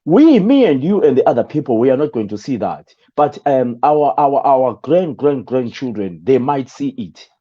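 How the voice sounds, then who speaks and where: A man from Zimbabwe speaks as an interview guest, his voice dark and mellow. He pauses often, restarting his sentences with fillers. The audio sounds dull and lo-fi, like a remote call. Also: medium pitch, very animated. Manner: hesitant, many fillers and restarts. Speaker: guest, radio presenter. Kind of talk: interview conversation.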